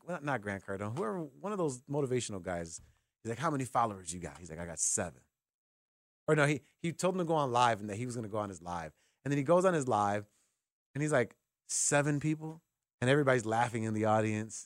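He's a sports radio host with a medium-pitched voice, chatting casually in the studio and narrating stories with lively, performed dialogue. The studio-quality audio carries no room sound.

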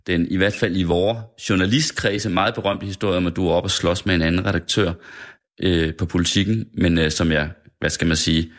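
A man's voice: sits low, steady tone. A man hosting a podcast who interviews his guest and prods him with teasing questions. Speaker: podcast host. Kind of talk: conversational interview.

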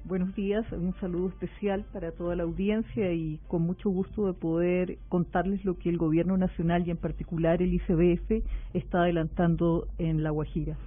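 A woman's voice: on the low side, flat delivery, moderate pace, hardly any pauses, soft background music. A woman from Chile with a Chilean accent, a government adviser speaking as a radio guest in a cordial, polite tone. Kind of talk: radio interview. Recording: narrow phone-like radio sound.

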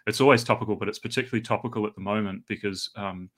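A man's voice: lowish voice, fairly even intonation, very fast. A middle-aged man with a New Zealand accent, a guest scholar talking in a casual podcast conversation with frequent ums and restarts. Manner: hesitant, many ums and restarts.

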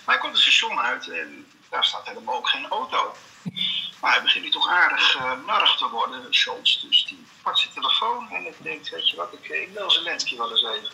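A man on a phone call, heard through a speakerphone held to a microphone. His voice sits high and gravelly, with a very bright, sharp edge. He talks hesitantly with lots of fillers and a dry, understated delivery. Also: wildly swooping pitch, a little fast. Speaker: phone-in guest telling a joke. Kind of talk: casual joke-telling over the phone. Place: phone call from elsewhere, held to the studio mic.

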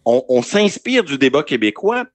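A man's voice: mid-range voice, sing-song, normal speed, dry recording. Explanatory Quebec male legal commentator, dry studio. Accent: Quebec French. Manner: explanatory, point by point. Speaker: legal commentator, regular columnist. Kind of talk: conversational legal analysis.

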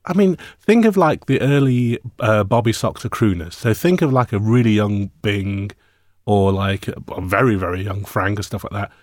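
Reflective fifty-something man, low dry voice. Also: moderate pace, dry recording. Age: 50s. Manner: reflective, animated, rambling with fillers. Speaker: musician guest. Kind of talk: interview conversation.

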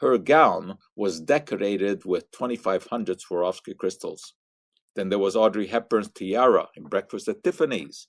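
An older man giving an educational science talk in an explaining manner, pausing on "uh" and repeating words. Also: fairly low pitch, no echo, studio quality. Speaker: science commentator. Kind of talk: educational monologue.

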